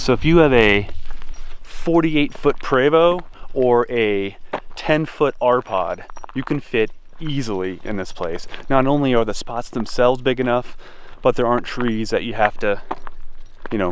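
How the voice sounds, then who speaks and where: Male travel vlogger, mid-pitched, informal and chatty, faint location noise. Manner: informal, unscripted, rambling. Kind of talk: casual, chatty vlog talk.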